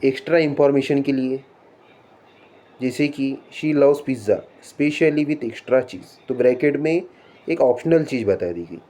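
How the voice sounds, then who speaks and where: A mellow, mid-range male voice leads an English grammar class on punctuation. The teacher, who has a Marathi accent, reads each English rule slowly, then breaks it down in Hindi by asking rhetorical questions.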